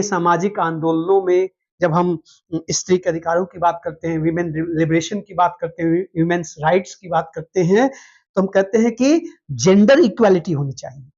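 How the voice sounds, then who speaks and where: A woman's voice: fairly low pitch, a little mellow, lo-fi sound. A woman teaching a classroom lecture, explaining step by step, repeating key terms and checking that students follow.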